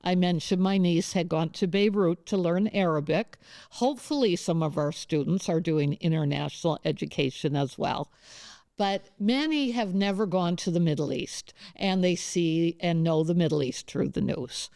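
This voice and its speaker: Female professor host, low-pitched, smooth and clear, dry close sound, loose rambling delivery. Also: normal speed, warm tone, no echo. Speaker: professor and interviewer. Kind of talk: conversational interview. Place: campus studio.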